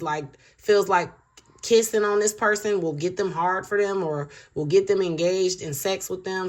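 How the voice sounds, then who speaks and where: A woman giving a casual tarot reading to her viewers, blunt and profane, with chatty asides. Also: fairly low pitch. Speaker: tarot reader.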